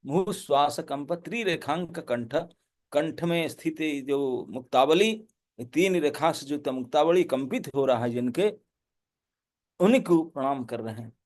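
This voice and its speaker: A man who is a monk, giving a devotional lecture and telling the story in an animated way with laughs. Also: on the high side, measured pace. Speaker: monk and preacher.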